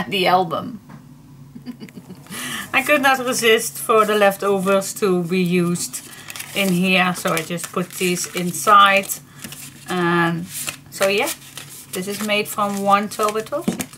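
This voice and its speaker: Woman, Dutch accent, crafting tutorial, unhurried, crisp bright tone, chatty and giggly. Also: mid-range voice, lively intonation, a little hiss or hum. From Netherlands. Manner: chatty, giggly, self-correcting.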